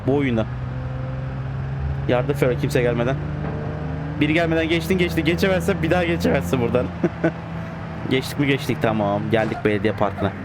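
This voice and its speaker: A man giving casual, excitable commentary as he plays a driving game, scolding the computer drivers. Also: mid-range voice, brisk, pauses often. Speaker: gaming channel host. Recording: loud game car noise behind.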